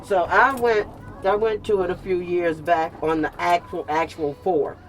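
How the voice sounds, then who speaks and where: An older woman chatting casually and telling stories in an animated, emphatic way, repeating phrases for comic effect. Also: fairly low pitch, a little slow. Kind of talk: casual storytelling chat. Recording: noisy with clear vehicle and street sound.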